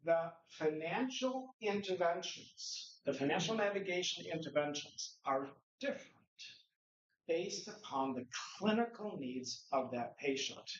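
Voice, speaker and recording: Animated and measured in pace, a slightly high-voiced Norwegian man whose first language is Norwegian gives a conference presentation, lecturing conversationally with rhetorical questions. The echoey conference room and distant microphone make the recording sound dull.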